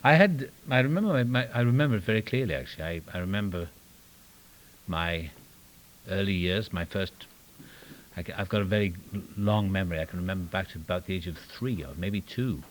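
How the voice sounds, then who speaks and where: An older Welshman gives personal testimony in a meeting room at a recovery meeting, his deep voice brisk and the rough recording carrying a slight hiss or hum. He rambles with wry, self-deprecating humor, restarting and trailing off into asides.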